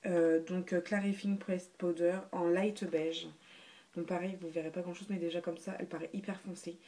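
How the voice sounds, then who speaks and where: A woman's voice: lowish voice, flat delivery, moderate pace, dark tone. A woman chatting casually through a beauty haul video, hesitant, with many fillers and restarts. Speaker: beauty vlogger.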